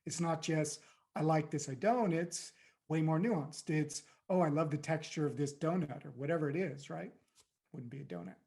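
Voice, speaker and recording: A man's voice: on the high side, moderate pace, gravelly, darkish tone. A man in his fifties from the United States, a podcast guest and life coach, telling his story in a reflective, rambling way with many fillers. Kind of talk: conversational interview.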